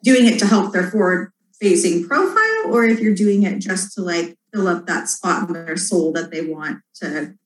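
A woman in her thirties from Houston, answering interview questions about running her PR agency in a lively, candid way. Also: lowish voice, moderate pace, hardly any pauses, echoey room, low-quality recording. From Houston, Texas. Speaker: public relations agency owner.

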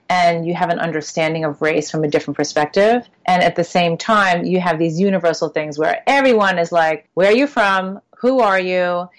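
A woman with a fairly low voice speaks as an interview guest. She explains her points earnestly and at length, slipping into little acted-out questions in a higher voice when she quotes others. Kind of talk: conversational interview.

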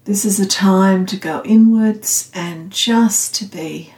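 A woman guiding a meditation in a calm, meditative, soothing tone, unhurried and leaving long pauses. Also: mid-range voice. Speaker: meditation guide. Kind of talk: guided loving-kindness meditation. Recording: roomy, slightly echoing sound.

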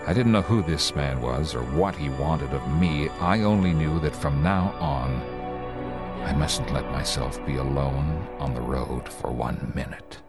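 Haunted lone driver narrating a suspense radio drama, male actor: extremely low, brooding and halting, music beneath. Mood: grim, uneasy. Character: haunted, lonely male driver recounting his terror.

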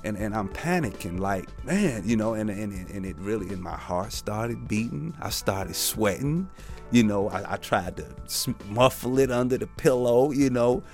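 A former prisoner recalling his time inside in a halting interview, full of "you know", and reading his own poem. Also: fairly low pitch, animated, a little mellow, soft background music. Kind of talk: interview recollection and poetry reading.

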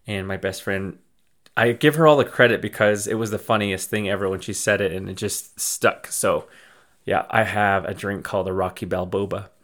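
A man with a slightly low voice talks through a loose, casual update as a podcast host. He rambles, starts over mid-sentence and repeats his thanks in an effusive, grateful way. He is from the southwestern United States. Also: steady tone, normal speed, a bit bright. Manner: rambling, restarts and repeats phrases. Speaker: podcast host and small business owner.

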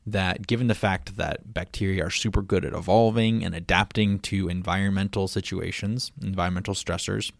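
Man, podcast host, playful, chatty, low voice, dry sound. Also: steady tone, brisk, gravelly, few pauses, dry recording. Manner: chatty, playful, lots of ums and "right?". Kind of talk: casual science podcast.

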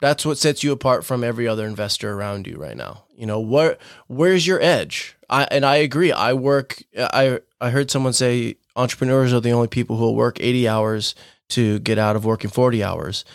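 A man's voice: medium pitch, fairly quick, vocal fry, no room sound, studio quality. A man hosting a podcast, giving an emphatic, exhorting motivational pep talk in conversation, repeating phrases for force and swearing casually. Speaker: podcast host.

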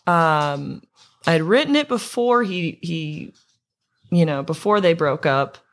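A woman's voice: low-pitched, expressive, slow. A young woman from Montana, a singer-songwriter guest, telling a story in casual chat with many fillers and restarts.

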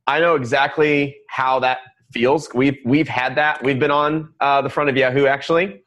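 A man hosting a podcast, telling stories animatedly and acting out quotes with loud whoops. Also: mid-range voice, steady tone, normal speed. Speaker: podcast host. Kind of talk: casual conversational interview.

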